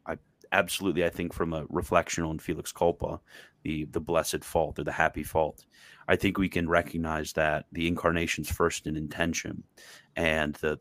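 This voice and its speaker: A man's voice: low voice, fairly bright tone, dry recording. A man hosting a casual livestream chat on a video call, thinking aloud with frequent restarts. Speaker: host.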